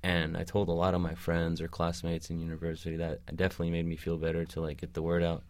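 A young man, a podcast guest, talking haltingly in a casual discussion with many restarts and fillers. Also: low-pitched, monotone, darkish tone, dry recording. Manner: hesitant, restarting, lots of "like".

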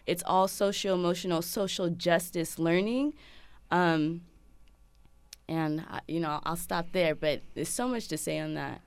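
Low gravelly-voiced woman teacher. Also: steady tone, a little slow, dry recording. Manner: earnest, reflective, speaks in lists of values. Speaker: teacher guest. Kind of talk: casual conversation.

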